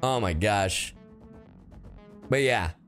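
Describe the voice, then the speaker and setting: He speaks in a fairly low, fairly bright voice, drawing out his words, with soft music in the background. As a streamer and voice actor chatting casually while reacting live, he's slangy and emphatic and repeats points to press them.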